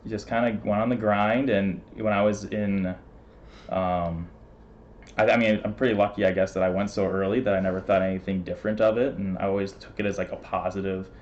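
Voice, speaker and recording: Male guest, lowish voice, talks fast with fillers and laughs, muffled lo-fi stream sound. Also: steady tone, darkish tone, a little hiss or hum. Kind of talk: casual interview.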